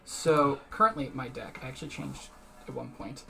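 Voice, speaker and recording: Easygoing male streamer, mid-range voice, explains his plays with a chuckle, soft music under. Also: medium pitch, animated, moderate pace, gravelly. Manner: chatty, explains mechanics step by step, laughs often. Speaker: streamer playing a card game. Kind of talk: casual explaining while playing. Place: charity marathon stream room.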